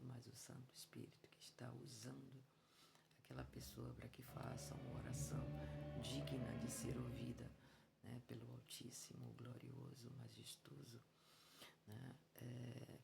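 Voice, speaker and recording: A man with a Brazilian Portuguese accent giving an informal religious teaching, halting and full of fillers and restarts. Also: mid-range voice, vocal fry, very noisy. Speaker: evangelical preacher. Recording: loud music bed behind voice.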